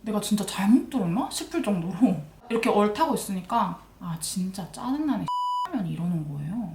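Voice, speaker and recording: A woman beauty vlogger casually telling a story while doing her makeup, blunt and animated, swearing and acting out the scenes. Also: mid-range voice, brisk, roomy sound.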